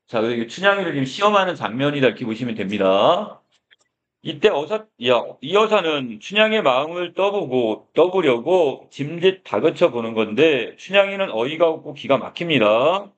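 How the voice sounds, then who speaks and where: A man's voice: fairly high pitch, very animated, normal speed, dull audio. A male middle school Korean teacher giving a literature lecture, opening his points with "자," and asking his students questions. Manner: explains with many "자," prompts and questions to students.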